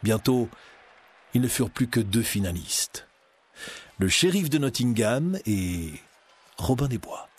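A man narrating a children's storybook in a dramatic, expressive reading. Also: mid-range voice, unhurried, pauses often, slightly rough.

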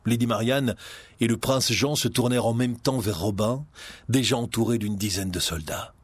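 A man narrating a children's storybook in a dramatic, expressive reading. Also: mid-range voice, moderate pace, slightly rough, dry recording.

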